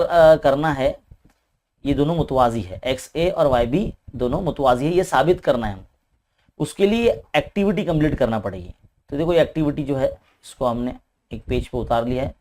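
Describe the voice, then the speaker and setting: This mid-range, somewhat mellow male voice belongs to a maths teacher with an Indian Urdu-speaking accent. He talks fast while solving an exam paper step by step, often checking in with "hai na".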